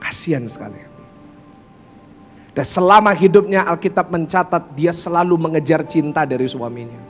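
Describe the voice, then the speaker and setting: Brief: animated male pastor preaching, acts out voices, in a reverberant hall. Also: fairly high pitch, a little fast, few pauses. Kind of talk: sermon. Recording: music bed, long hall reverb.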